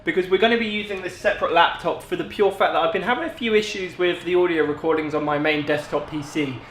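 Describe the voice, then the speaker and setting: Young british guy doing a chatty gaming vlog, bit higher voice, really echoey room. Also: fast, a bit bright. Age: 20s. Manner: chatty, informal explaining. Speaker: gaming video creator. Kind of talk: casual vlog chat. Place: echoey room in parents' house. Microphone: on-camera shotgun mic.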